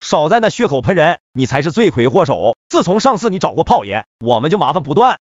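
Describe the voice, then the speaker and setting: A man's voice: on the high side, big pitch swings, quick pace, no room sound, lo-fi sound. A man doing a sneering scheming thug. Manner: sneering, defensive. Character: sly scheming young gang thug.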